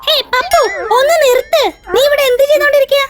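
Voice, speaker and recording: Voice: very high-pitched, steady tone, fast talker, loud music behind the voice. A voice actor playing Chitti, a cheerful little cartoon boy who bosses and fusses over his doll. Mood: bossy.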